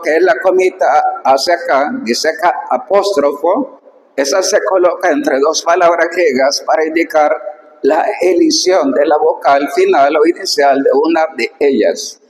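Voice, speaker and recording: A man with a fairly high voice teaches slowly and patiently, repeating each sound and stressing what matters. His voice rings in an echoey room with a long reverb tail. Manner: slow, repeats words and stresses key points. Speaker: Biblical Greek teacher. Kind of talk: recorded lesson explaining slides.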